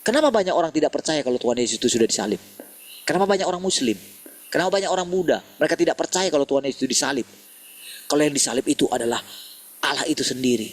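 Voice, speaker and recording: A man's voice: on the high side, animated, rapid-fire. A man preaching a sermon, calling his listeners "saudara" and asking many rhetorical questions.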